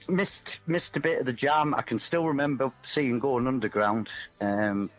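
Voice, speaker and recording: In a relaxed radio interview, a man appears as a musician guest, his medium-pitched voice unhurried as he rambles and makes self-deprecating remarks. Music plays under the dull, muffled recording.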